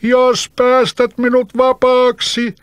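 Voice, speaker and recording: A man voicing a huge, scheming male spirit trapped in a bottle, calling out in slow, drawn-out phrases in a storybook reading. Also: monotone, reverberant, in a large hall. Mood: begging. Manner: slow, drawn-out, booming calls.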